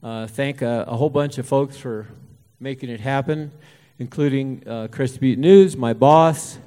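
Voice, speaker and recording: A man runs a candidates forum from the stage, talking in a folksy, halting way. He often stops and restarts his sentences. His voice rings out with a long hall reverb. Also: mid-range voice, dark tone, clear, resonant tone. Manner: folksy, halting with many fillers. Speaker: forum moderator. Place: auditorium hall.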